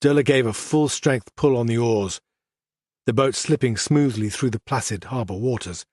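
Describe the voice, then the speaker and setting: A man narrating an audiobook in a measured, even reading style. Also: mid-range voice, no echo, studio quality. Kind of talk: scripted narration.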